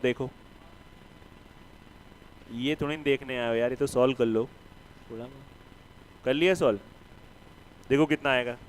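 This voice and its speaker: A man's voice: a little high, clean tone, rough recording. A man teaching a math class, who teases and scolds his students and keeps asking them questions. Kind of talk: classroom lecture.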